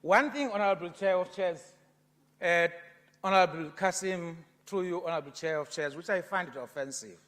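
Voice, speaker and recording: A South African man giving an oratorical debate speech in a provincial legislature, building to loud passion. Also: sits high, normal speed. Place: legislative chamber. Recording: long reverb of a legislative chamber.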